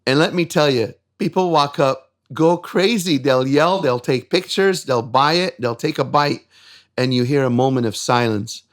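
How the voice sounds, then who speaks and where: A man from Syria, a fair food vendor, telling an excited, emphatic story about his creations. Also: mid-range voice, moderate pace. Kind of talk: casual storytelling.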